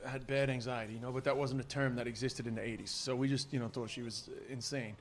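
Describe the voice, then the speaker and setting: Fast-talking man in his forties. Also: medium pitch, little pitch movement. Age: 40s. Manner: quick, chatty storyteller. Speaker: podcast host and comedian. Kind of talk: casual podcast chat.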